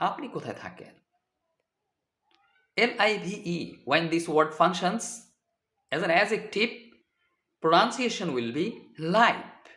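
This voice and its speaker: A man teaches English vocabulary at a very slow, careful pace, spelling each word out letter by letter. His voice sits high and moves a lot in pitch. The recording has a noticeable echo from the room. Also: pushed and bright. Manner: spells words letter by letter and translates each line. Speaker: English tutor. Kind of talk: slow deliberate vocabulary lesson.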